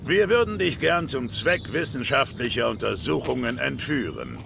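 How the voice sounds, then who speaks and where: An actor playing a surly, arrogant small alien invader in a video game, with a gravelly voice and a sardonic, menacing drawl. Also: male voice, mid-range voice, sing-song, moderate pace, fairly bright tone, a little hiss or hum, full character voice. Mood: commanding, impatient.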